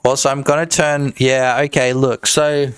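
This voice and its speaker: A man's voice: mid-range voice, level tone, moderate pace, smooth. A man streaming his game development work, chatting casually and joking with his viewers while he works. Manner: chatty, joking, talks to chat. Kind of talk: casual livestream commentary.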